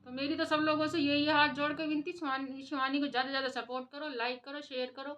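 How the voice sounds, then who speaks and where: A woman with a high voice delivers a heated opinion vlog straight to her audience. She scolds and lectures, hammering each point home by repeating it. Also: little pitch movement, fast, a bit bright, highs cut off. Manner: scolding, impassioned, repetitive. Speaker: vlogger. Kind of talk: opinion commentary to camera.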